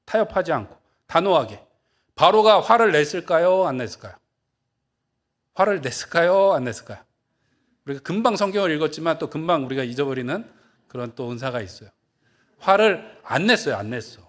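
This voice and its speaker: A man's voice: a little high, sing-song, brisk. A male pastor preaching a sermon, asking the congregation questions and answering them, and acting out the quoted speech.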